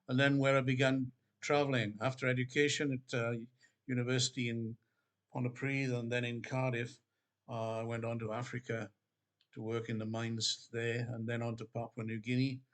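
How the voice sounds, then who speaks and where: Older man, rambling author talk. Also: mid-range voice. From Wales. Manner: relaxed, rambling, many ums and restarts. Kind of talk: casual spoken book promotion. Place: Queensland, Australia.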